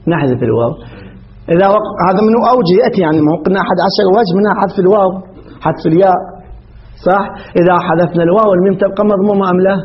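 A man teaches Quranic recitation rules at a rapid clip. His voice sits high, and he keeps firing questions at his students before answering them himself. The recording sounds dull and muffled, with faint noise behind. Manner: asks the class questions and answers them himself, with many restarts.

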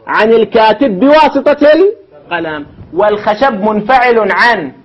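High-voiced man lecturing step by step. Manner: deliberate, step-by-step, with questions to his listeners. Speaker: teacher. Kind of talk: formal lecture on logic. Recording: dull lo-fi recording.

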